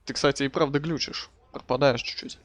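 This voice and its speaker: A man's voice: medium pitch, steady tone, a little fast. A man giving casual, slangy live commentary as he hosts a gaming stream. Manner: informal, colloquial, slangy. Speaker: live streamer hosting a wrestling game stream.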